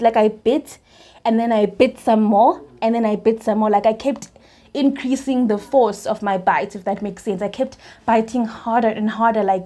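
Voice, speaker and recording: A young woman with a South African accent recounts a personal story straight to camera in a casual storytime vlog. Her voice sits a little high, and she tells it in an animated way, laughing often and restarting her sentences. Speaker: YouTuber.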